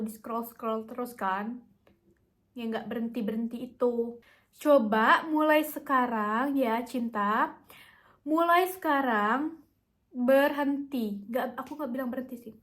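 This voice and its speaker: A woman's voice: high voice, fairly bright tone. A young woman talking straight to her viewers, coaxing and chatty, and repeating her points for emphasis. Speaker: self-help vlogger. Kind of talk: motivational talk to camera.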